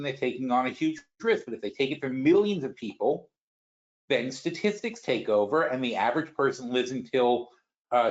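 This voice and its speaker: Rambling man explaining finance, lo-fi. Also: mid-range voice. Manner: rambling, restarts often, talks through examples. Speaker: webinar host.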